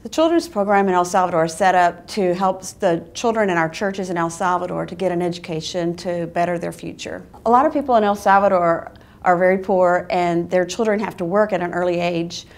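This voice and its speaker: Lower-voiced woman explaining a children's program. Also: brisk. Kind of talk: interview.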